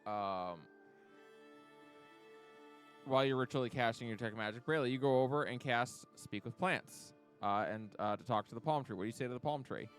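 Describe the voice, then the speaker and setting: A man running a tabletop game, describing scenes in a relaxed way with frequent "uh"s. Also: medium pitch, moderate pace, soft background music. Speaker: game master.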